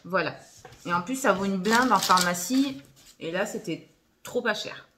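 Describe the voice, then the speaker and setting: Background noise runs under this young vlogger's casual shopping haul video, filmed at home. She speaks at medium pitch and a moderate pace with lively intonation, chatting away with lots of fillers and giggly asides.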